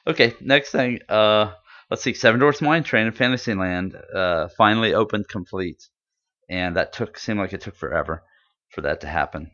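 A man's voice: fairly low pitch, moderate pace, sharp tone. A man co-hosting a podcast in casual chat, rambling and enthusiastic with lots of fillers. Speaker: podcast co-host. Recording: dull lo-fi audio.

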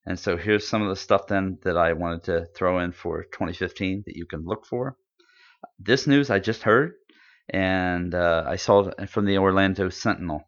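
Deep-voiced man chatting casually. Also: moderate pace. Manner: rambling, enthusiastic, many fillers. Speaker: podcast co-host. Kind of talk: casual chat. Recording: dull lo-fi audio.

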